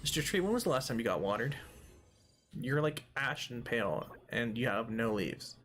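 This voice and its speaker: Man of ordinary pitch hosting a let's play; loose, joking commentary that chats with game characters. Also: lively intonation, normal speed, fairly bright tone. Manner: jokey, rambling, talks to game characters. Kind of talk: casual gameplay commentary.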